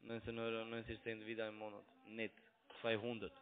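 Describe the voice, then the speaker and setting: On a tinny phone line, an Italian-raised call center trading broker whose first language is Italian speaks pushy, mocking broken German. His voice is fairly low, monotone, clear and resonant, and he talks a little fast.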